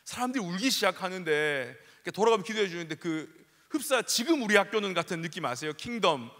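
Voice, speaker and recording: A man in his thirties, a youth pastor, telling funny stories in a lively sermon in a large church. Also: high voice, fast. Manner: animated, joking, acts out scenes. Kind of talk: storytelling sermon. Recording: long hall reverb.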